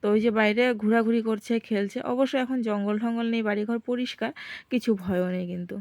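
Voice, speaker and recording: A woman's voice: fairly high pitch, fairly even intonation, fast, a little mellow. A young woman from Assam chatting to her viewers in a casual home vlog, explaining as she gardens and cooks. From Assam, India. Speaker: vlogger and homemaker.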